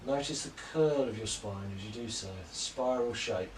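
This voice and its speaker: Male yoga teacher, soft and unhurried guided instruction, recorded from a distance in an echoey room. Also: on the low side, slight background noise. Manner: slow, gentle, calm cueing of breath and poses. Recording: roomy echo, distant mic, faint ambience.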